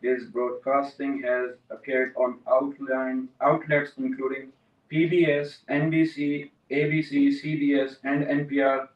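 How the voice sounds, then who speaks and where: A man moderates a conference in a level, monotone voice, reading out a speaker's introduction like a list. He sounds distant from the mic in a reverberant hall. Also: medium pitch, a little slow, muffled recording. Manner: reads a list at an even pace.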